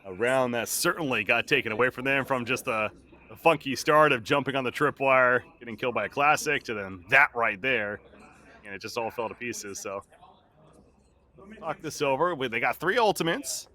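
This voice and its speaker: A man's voice: mid-range voice, normal speed. A man working as an esports caster, giving live play-by-play commentary on a game. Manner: excitable during action, relaxed between rounds.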